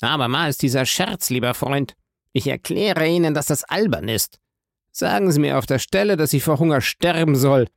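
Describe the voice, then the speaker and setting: A man voicing a haughty, indignant rich gentleman in an audiobook, with imperious, exasperated outbursts. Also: a little high, expressive, normal speed, vocal fry, no room sound, studio quality, voice pushed up. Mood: outraged. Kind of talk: audiobook character voice.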